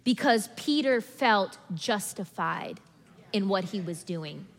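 A woman preaching a sermon in a lively, conversational way, often acting out people's inner thoughts. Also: mid-range voice, takes it slowly, creaky. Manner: animated, acts out congregation's inner voices with laughs. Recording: long hall reverb.

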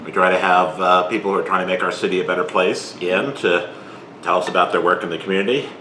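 A man's voice: low-pitched, fairly even intonation, fast talker, bright, forceful tone, echoey room, slight background noise, poor audio. A man hosting a cooking podcast, chatting easily and joking as he eats with his guest in a kitchen studio. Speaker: podcast host. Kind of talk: casual chat over a meal.

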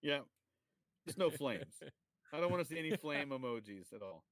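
A man co-hosting a podcast, playful and quick to laugh in casual chat. His mid-pitched voice is recorded close with a dry sound. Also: lively intonation, fairly bright tone, dry recording. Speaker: podcast co-host.

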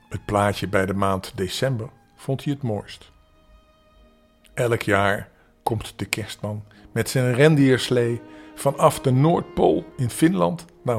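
An older man from the Netherlands reading a bedtime story aloud for children, gentle and expressive with small slips. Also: on the low side, creaky, slightly rough.

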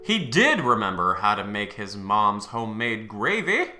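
Sassy comedic reader, bright tone, lively pitch, echoey room with guitar. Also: moderate pace. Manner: sassy, laughs a lot, jokes about music. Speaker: podcast co-host reading fan fiction. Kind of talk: comedic dramatic reading with banter.

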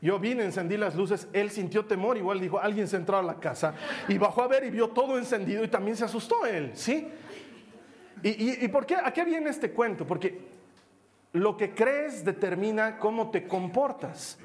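Guy with a high voice preaching, lively storyteller, acts out the quotes. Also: normal speed. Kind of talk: sermon with personal story.

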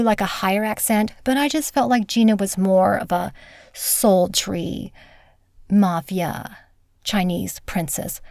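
A woman's voice: medium pitch, darkish tone, no room sound, clean studio sound. Chatty woman reviewing a book. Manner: chatty, with frequent "you know" and "like" fillers. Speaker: podcast host, author and audiobook narrator. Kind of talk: casual book review chat.

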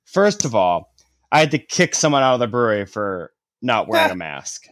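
Man, casual podcast co-host, mid pitch, swears a lot, animated storyteller, dry close recording. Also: moderate pace, dry recording. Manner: profane, animated storytelling with filler "like".

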